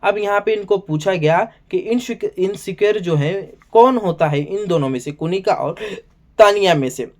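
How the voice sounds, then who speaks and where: A man's voice: high-pitched, moderate pace. A man casually recapping and commenting on a reality show episode, chatty and full of filler words. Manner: chatty, keeps saying "bhai" and "yahan pe". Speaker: show reviewer.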